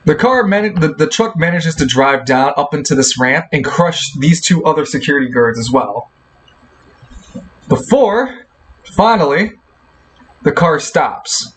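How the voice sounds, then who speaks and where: A man runs a tabletop game, narrating the scene in quick, rambling bursts. His voice sits a little high. Faint background noise runs under it. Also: animated, fairly bright tone, rough recording. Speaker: game master.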